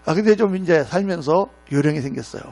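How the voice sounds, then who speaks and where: A man's voice: on the high side, fast, faint music behind. A middle-aged male pastor preaching a sermon in a church, telling stories and acting out the quotes. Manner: storytelling with acted-out quotes, animated. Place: church sanctuary. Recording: mains hum.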